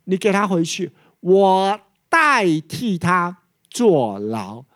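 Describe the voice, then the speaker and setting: A loyal, calm friend, as a preacher voices him in a sermon story. He speaks quietly and steadily. The sound is dry and close. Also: mid-range voice, slow pace, no echo. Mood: pleading.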